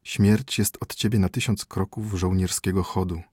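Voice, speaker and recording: A sorrowful elderly court physician murmurs his grim verdicts, as a man reads him. The voice is low and husky, close and dry, as in an audiobook. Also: steady tone, moderate pace, no room sound. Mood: grave. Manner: hushed, half-whispered. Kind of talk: audiobook character voice.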